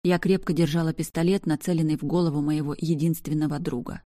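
Low-voiced woman reading a dramatic story. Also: fairly even intonation, quick pace, dark tone, no echo, clean studio sound. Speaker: narrator. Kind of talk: first-person story reading.

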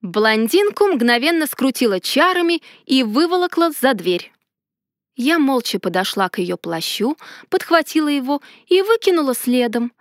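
Expressive woman narrating a fantasy tale. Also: sits high, moderate pace, dry recording, clean studio sound. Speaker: audiobook narrator. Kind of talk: first-person fantasy romance narration.

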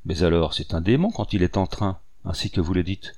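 A man's voice: sits low, fairly quick, a little mellow. A man reading an amazed eager planter. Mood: curious. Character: curious excitable middle-aged male planter.

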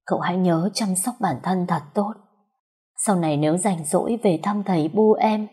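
A woman voicing a frail, gentle young wife saying a soft, weak farewell to her husband in a storybook reading. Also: lowish voice, normal speed, slightly rough. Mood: tender.

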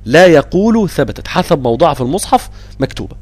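Egyptian male Quran teacher, patient, repeats words, lively intonation, dry close mic. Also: a little high, dry recording. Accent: Egyptian Arabic. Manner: explains patiently, repeats words slowly, checks students. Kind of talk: online tajweed lesson.

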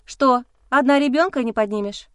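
A woman voicing a supportive adult female friend who speaks in a warm, lively, reassuring way. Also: sits high, normal speed, smooth, no echo, clean studio sound, voice pushed up, natural voice.

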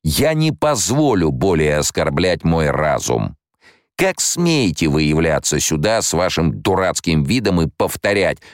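A man voicing a stern, imperious emperor in an audiobook, speaking slowly and with command. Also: low-pitched, sing-song, no room sound, studio quality, voice pushed up. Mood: furious. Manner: measured, commanding, slow. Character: stern imperious male emperor, cold and cutting.

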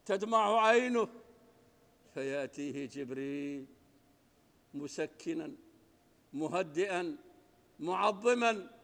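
A man preaching a Friday sermon, swinging from hushed tones to loud outbursts. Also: a little high, vocal fry, in a large hall. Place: mosque.

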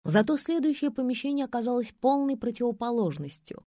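A woman narrating a detective novel as an audiobook, with a measured, expressive reading. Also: a little high, dry recording, studio quality. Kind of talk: scripted narration.

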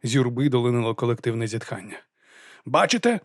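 A man reading a novel aloud as an audiobook, in even, measured narration. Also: medium pitch, no echo, clean studio sound. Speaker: audiobook reader. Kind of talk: scripted narration.

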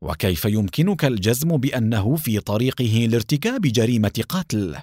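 Brief: earnest young leader, as a narrator voices him, lively delivery, dry recording. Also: male voice, medium pitch, normal speed, dry recording. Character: young man, bold leader of a security team.

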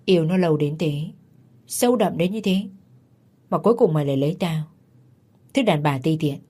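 A man's voice: on the high side, normal speed, darkish tone, lightly acted. A woman voicing a jealous young husband who berates his wife with contempt and accusations. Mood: furious.

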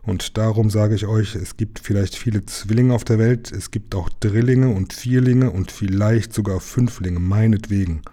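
A man voicing a boastful, loud pirate captain with a rough voice, reading a storybook aloud. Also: on the low side, moderate pace, few pauses, close to an everyday voice. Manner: bellowing, commanding.

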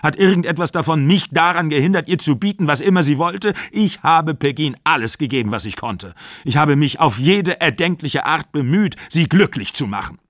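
A man playing a furious, wounded aging actor in his sixties who shouts bitter accusations down the phone. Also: mid-range voice, lively intonation, normal speed, no room sound, studio quality, natural voice.

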